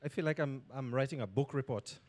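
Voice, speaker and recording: A man's voice: medium pitch, brisk, darkish tone. A man hosting on stage, introducing the guest with showman energy and interviewing him, using a handheld mic. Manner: showman, hypes the crowd. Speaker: interviewer and emcee. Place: library auditorium stage with audience.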